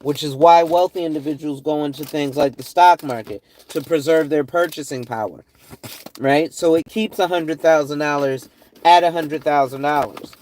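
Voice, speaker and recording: A man's voice: a little high, moderate pace, a little mellow, a little hiss or hum. A tired man in his forties, a financial advisor talking loosely and profanely through money tips, often checking in with "right?". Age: 40s. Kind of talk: casual talk reading through financial tips.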